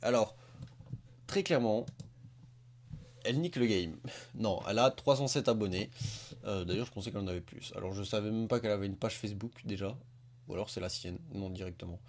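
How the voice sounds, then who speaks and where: A man's voice: on the low side, fairly quick, long pauses. A man hosting a casual video, commenting on old clips in a rambling, crude way, full of fillers. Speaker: YouTuber host.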